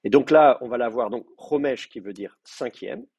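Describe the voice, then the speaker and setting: A man's voice: mid-range voice, moderate pace, a little mellow, husky. A man lecturing to a class, explaining terms patiently and thinking aloud with frequent hesitations. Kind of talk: university lecture.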